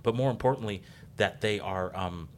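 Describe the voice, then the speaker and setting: A man's voice: fairly low pitch, moderate pace, slight background noise. A man hosting a podcast interview, talking in long earnest stretches filled with ums. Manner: rambling, frequent ums, earnest. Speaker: podcast host.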